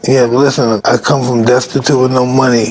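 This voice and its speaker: A man's voice: medium pitch, level tone, fairly quick, a little mellow, rough recording. A man as a podcast guest, laid-back and earnest in casual chat.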